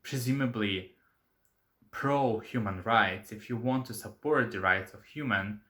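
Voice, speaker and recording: A man's voice: lowish voice, unhurried, fairly bright tone. A man hosting his own channel, giving his opinion in a casual, hesitant vlog with many fillers. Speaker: channel host.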